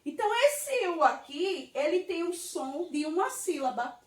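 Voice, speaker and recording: Brazilian Portuguese woman teacher, slow and patient with kids, in a roomy space away from the mic. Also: very high-pitched, sing-song. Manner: slow, patient, checks in with "tá certo?". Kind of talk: children's grammar lesson. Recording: roomy, from a distance.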